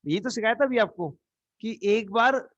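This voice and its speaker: A man's voice: sits high, moderate pace, a bit bright, dry recording. A man teaching a live geometry class, coaxing students with repeated questions. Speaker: math teacher. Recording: dull lo-fi online class audio.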